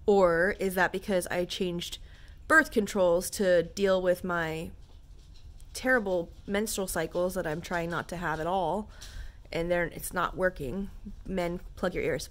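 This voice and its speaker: A woman's voice: fairly low pitch, steady tone, unhurried. Candid rambling woman vlogger. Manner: rambling, candid, frequent fillers. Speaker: vlogger talking to viewers. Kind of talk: casual chat to camera.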